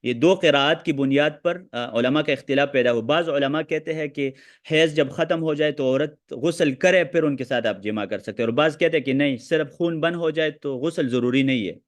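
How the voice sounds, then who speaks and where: A man teaching a hadith lesson who talks quickly and quotes Arabic texts while answering questions. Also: a little high. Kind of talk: online lecture with questions.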